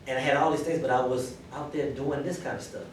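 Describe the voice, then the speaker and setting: A male teacher with a Southern US accent talks to a class in a conversational storytelling way. He sounds distant in a very echoey room with clear background noise. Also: mid-range voice, fairly even intonation, fast talker. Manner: conversational storytelling, checks in with listeners. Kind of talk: informal classroom talk. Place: indoor classroom.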